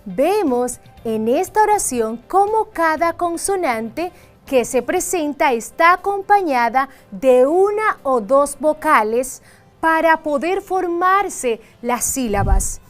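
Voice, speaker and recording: A woman teacher giving a scripted lesson, slowly stressing and repeating key phrases. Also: sits high, lively intonation. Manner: slow, drawn-out repetition of key phrases. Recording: faint background music.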